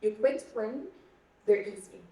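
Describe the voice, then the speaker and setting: In a panel conversation, a young guest speaker from Egypt responds to questions in an earnest way, struggling to find words and frequently repeating herself. She has a mid-range, mellow voice and a measured pace. The hall is echoey, with the microphone placed at a distance.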